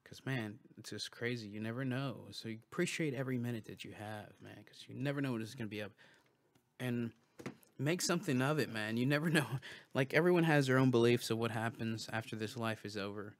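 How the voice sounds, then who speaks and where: A man's voice: mid-range voice, fairly quick. A man hosting a livestream, talking casually and musing aloud with loose restarts and swearing. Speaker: livestream host. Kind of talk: casual rambling monologue.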